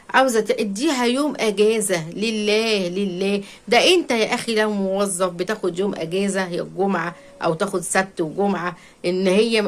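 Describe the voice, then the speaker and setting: A woman with an Egyptian accent lectures at a quick clip in the manner of a life coach. She scolds and mocks by turns, hammering the same words again and again. Her pitch sits in an ordinary middle range. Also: fairly bright tone. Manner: scolding, sarcastic, repeats words for emphasis. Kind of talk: direct-to-camera advice monologue.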